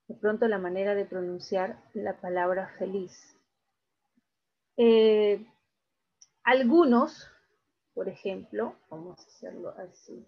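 Slow, husky woman teacher. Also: mid-range voice, lo-fi sound. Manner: slow, explains step by step with frequent check-ins. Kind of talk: recorded class lecture.

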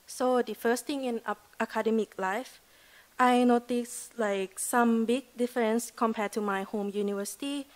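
Young woman, Thai accent, fairly high voice, earnest, filler-heavy, podium mic in a lecture hall. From Thailand. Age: 20s. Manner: earnest, loose grammar, frequent "like" fillers. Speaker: exchange student presenter. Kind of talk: prepared presentation speech. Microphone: podium microphone.

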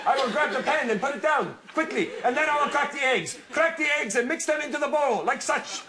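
A man's voice: extremely high pitch, expressive, a little fast, a crowd in the background. A man on a TV studio stage playing a proud, dramatic chef in an improvised scene, stifling laughs, with a live audience laughing. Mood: melodramatic. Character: proud young male chef, dramatic rival. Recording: loud audience laughter and noise.

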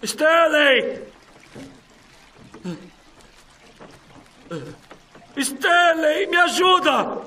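Terrified captive man, shrieking high. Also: sharp tone, far from the mic, heavily acted. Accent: Brazilian. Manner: anguished, drawn-out screams for help. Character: terrified captive man desperately begging for rescue. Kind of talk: dubbed thriller film acting.

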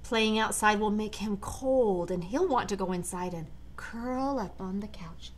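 Speaking at a measured pace with a medium-pitched voice, a middle-aged American woman expressively reads a children's storybook and chats to young listeners along the way. She is indoors in a large living room, and the room noise behind her is clearly audible.

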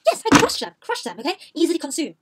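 A woman's voice: high-pitched, wildly swooping pitch, fast, very noisy. A woman voicing a fussy, well-meaning middle-aged mother who talks in short, clipped, insistent phrases.

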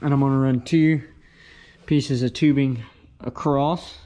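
Rambling in a relaxed way as he works, a young male farm vlogger talks casually through his tasks on the farm and in his workshop in this first-person vlog. His medium-pitched voice moves at a measured pace over slight background noise.

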